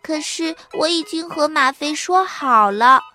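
A woman voicing a helpful, clever young schoolgirl in a children's storybook, in a sweet, high voice. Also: expressive, a little slow, pushed and bright, soft background music, exaggerated voice. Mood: chirpy. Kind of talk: children's audiobook reading.

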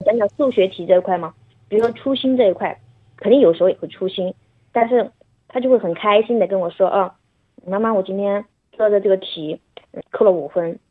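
Woman, mother, quick chatty talk, husky, tinny phone-line sound. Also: mid-range voice, no room sound. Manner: chatty, acts out dialogue with her son. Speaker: mother sharing parenting story. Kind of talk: casual conversation.

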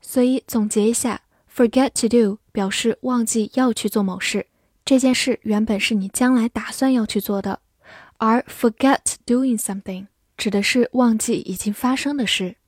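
A young adult woman teaching English vocabulary in a scripted lesson, spelling out words slowly and carefully. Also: a little high, steady tone, a little mellow, no echo, studio quality.

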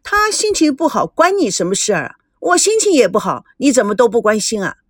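A woman's voice: on the high side, sing-song, a little fast, no echo, studio quality. A woman voicing a glib, cheeky young woman who teases and huffs. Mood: sassy. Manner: glib, teasing, huffy. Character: sharp-tongued young woman, cheeky and meddling.

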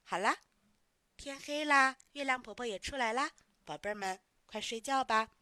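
A woman narrating a bedtime story to children in a warm, animated, coaxing way. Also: a little high, moderate pace, no room sound.

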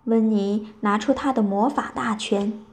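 A woman reading a bedtime story to children, telling it gently and with lively expression. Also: medium pitch, a little slow.

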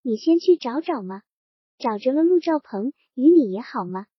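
A woman voicing a calm, insistent local official who presses his point, in a high, husky voice. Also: normal speed, dry recording. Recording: dull, dry lo-fi recording.

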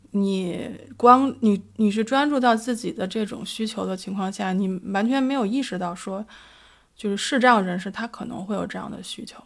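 A woman's voice: medium pitch, vocal fry. A woman hosting a livestream show, announcing an upcoming episode in a reflective, earnest way with frequent hesitations. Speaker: livestream host.

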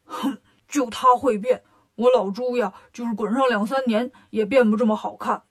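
A woman's voice: a little high, fairly even intonation, normal speed. A smug, jealous pig monk, as a woman storyteller puts him on, drawing out his words with pleased self-praise. A bragging storybook figure for children. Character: clumsy boastful pig disciple, jealous.

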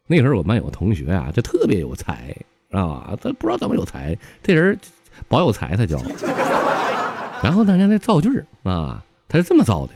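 A man's voice: quick pace, vocal fry, slight background noise. A man with a Northeastern Mandarin accent telling comic stories solo as host of his own show, laughing at his own jokes. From Northeast China. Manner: lively, laughing at his own jokes, jumps pitch for quoted characters.

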